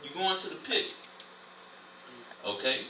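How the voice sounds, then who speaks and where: A man leading an informal Bible study, preaching in a lively, conversational way. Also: sits high, slow. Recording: roomy, distant, faint noise.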